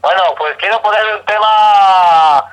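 A man's voice: high voice, a little slow, fairly bright tone, low-quality recording. Cheeky male caller over the phone. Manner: cheeky, crude. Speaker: radio show caller. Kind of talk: joking banter with hosts.

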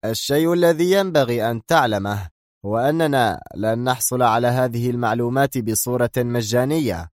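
A man voicing a cold, firm male intelligence agent in an audiobook, speaking curtly and deliberately. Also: mid-range voice, no room sound, clean studio sound, lightly acted.

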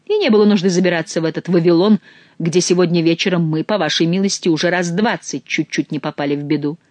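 A reader voicing a gruff, ever-grumbling male soldier who scolds bluntly and swears oaths. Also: mid-range voice, big pitch swings, brisk, dry recording. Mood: scolding.

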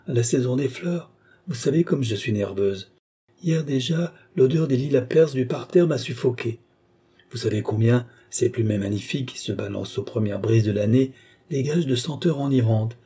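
A man's voice: mid-range voice, normal speed, warm tone, husky. A man voicing a frail, nervous young noblewoman in an audiobook, talking in a breathless, insistent way. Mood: pleading. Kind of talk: audiobook character reading.

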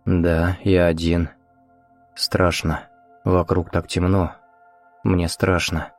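A man voicing a frightened, hypnotized man in a horror audiobook, speaking in a halting, fearful way. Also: low-pitched, flat delivery, a little mellow, faint music behind. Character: frightened hypnotized man reliving a dark night.

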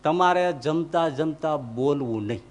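A wise divine lord speaks calmly and steadily, as a male preacher voices him. The tone is measured with a gentle tease. The voice sits high for a man. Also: natural voice. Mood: calm teasing.

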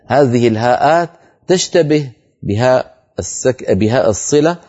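A man teaching Quran recitation on a televised lesson, explaining rules and then chanting verses slowly and drawn out. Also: medium pitch, expressive, a little mellow, highs cut off.

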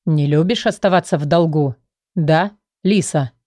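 A cold, jealous young king who mocks his wife with biting irony, as a woman narrator plays him. The voice is pitched low and dark, recorded dry and close. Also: measured pace, no room sound. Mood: sarcastic. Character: cold, jealous young royal husband, sarcastic. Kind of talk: audiobook character voice.

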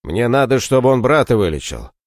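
A man's voice: mid-range voice, big pitch swings, fairly quick, no echo, clean studio sound, natural voice. A man voicing a hard, menacing young male warrior who speaks bluntly and threatens in an audiobook story. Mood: grim.

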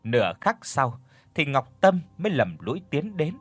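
Man narrating a story, lively pitch. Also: moderate pace. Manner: expressive storytelling. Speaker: audiobook narrator.

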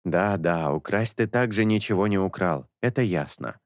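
A man voicing a patient young priest in an audiobook, coaxing and reasoning in a low voice. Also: animated, moderate pace, no echo, clean studio sound. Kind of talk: audiobook character dialogue.

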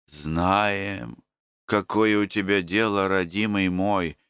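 A male reader voicing a kindly village woman who gently coaxes, in a folksy way. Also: low-pitched, steady tone, takes it slowly, clear, resonant tone, dry recording, exaggerated voice. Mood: coaxing. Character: kindly elderly village woman, coaxing, caring.

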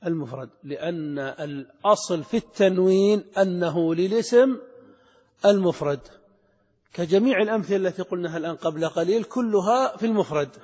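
A man's voice: sits high, fairly quick, a little mellow, slightly rough. A middle-aged man teaching a grammar lesson, asking his students questions and repeating the key words to drive them home. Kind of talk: classroom lesson explaining grammar. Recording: lo-fi lecture hall recording with long reverb.

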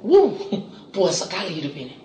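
A middle-aged man preaching a sermon as a pastor, animated, swinging between loud exclamations and quiet asides and laughing often. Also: sits high, moderate pace, slight background noise. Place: church hall. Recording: echoey church hall.

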